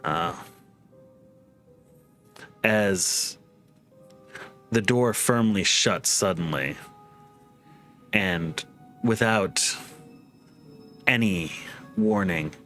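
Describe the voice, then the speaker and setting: A man running a tabletop game as game master, narrating in a halting way with restarts and fillers. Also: fairly low pitch, bright, forceful tone, soft background music.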